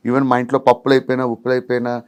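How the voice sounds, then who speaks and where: Telugu-accented male comedian, quick-fire speech, emphatic and blunt. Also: medium pitch, monotone, a little mellow, smooth. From Visakhapatnam, India. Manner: blunt, emphatic, self-assured. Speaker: comedian guest. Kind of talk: casual interview chat.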